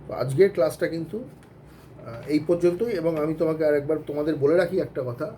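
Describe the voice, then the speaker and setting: Man teaching accounts, fairly high and warm, earnest and rambling, mixing in English. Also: quick pace, a little hiss or hum. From Bengal. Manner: rambling, earnest advice with many restarts and English phrases. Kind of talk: casual spoken lesson to students.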